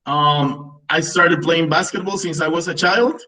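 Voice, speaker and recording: A man's voice: a little high, steady tone, a little slow, sharp tone, rough recording. A man in his thirties presenting a webinar for English teachers, explaining classroom tools with frequent "right?" check-ins. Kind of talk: online teacher-training webinar.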